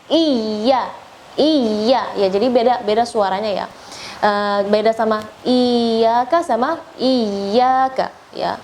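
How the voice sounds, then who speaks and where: Give me an Indonesian woman recitation teacher with a fairly high voice, over-enunciating as she explains, some background noise. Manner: over-enunciates examples, drawing out syllables slowly. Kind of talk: instructional feedback on recitation.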